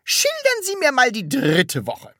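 Storybook role: woman doing a prying, reproachful landlady, high, loud and shrill. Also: wildly swooping pitch, measured pace, no echo, clean studio sound, full character voice. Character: nosy, impatient middle-aged landlady.

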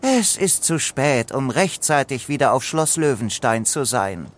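A man voicing a timid, careful small animal sidekick in a storybook reading, soft and worried. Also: mid-range voice, very animated, measured pace.

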